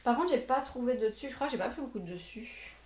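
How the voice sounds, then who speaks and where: A woman's voice: on the high side, animated, quick pace, darkish tone. A young woman with a Belgian French accent chatting casually and self-mockingly through a clothing try-on, laughing often. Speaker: fashion vlogger. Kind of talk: casual try-on haul chat. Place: bedroom with mirror. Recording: echoey room, mic at a distance.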